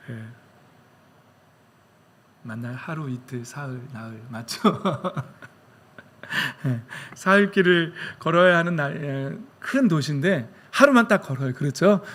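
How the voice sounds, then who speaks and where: A man preaching a sermon in a slightly higher voice, with a chatty, joking manner toward the congregation. He swings between loud, emphatic declarations and soft, low asides. He acts out the questions and complaints of the story in quoted speech. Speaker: pastor.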